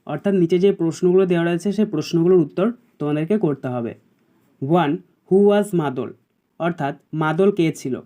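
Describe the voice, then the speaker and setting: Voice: mid-range voice, normal speed, dark tone. A teacher with a West Bengal accent reads exam questions aloud and explains each one in Bengali. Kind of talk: slow read-aloud exam lesson.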